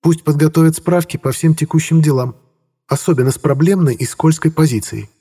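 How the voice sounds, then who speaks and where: A cold, sarcastic businesswoman with a raised, husky voice, as a male audiobook reader puts her on. She speaks coolly and with biting irony. The tone stays dark and mellow despite the lift. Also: on the high side, fairly quick, pitched above the performer's own voice. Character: cool sharp-tongued businesswoman.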